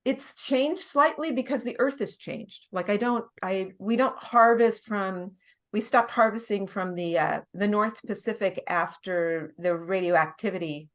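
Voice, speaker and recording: In a relaxed guest conversation, an American nurse practitioner in middle age talks at length, pausing to restart and letting out small laughs. Her pitch is medium and her pace a little slow.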